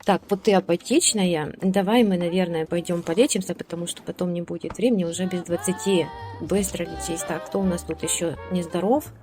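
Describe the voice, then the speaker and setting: Low-voiced woman chatting through gameplay. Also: a little fast, few pauses, dark tone, faint music behind. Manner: chatty, bossing game characters around, hesitant fillers. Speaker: let's play host. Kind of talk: casual gameplay commentary.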